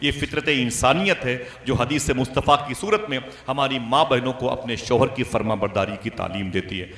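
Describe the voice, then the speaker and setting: A man preaching a storytelling sermon in Hindi, building from a hushed telling into loud, high, impassioned cries. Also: normal speed. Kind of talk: emotional Islamic sermon storytelling. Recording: echoey venue sound.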